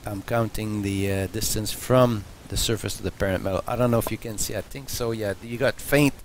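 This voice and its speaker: A man's voice: on the low side, fairly even intonation, a little fast, slight background noise. A man hosting a welding channel, casually demonstrating and explaining in his home garage workshop, thinking aloud with many fillers and restarts. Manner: matter-of-fact, thinking aloud.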